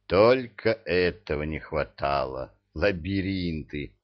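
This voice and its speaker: A man voicing a gruff, decisive father who gives orders in an audiobook. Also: lowish voice, wildly swooping pitch, slow pace, muffled recording, full character voice. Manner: gruff, commanding.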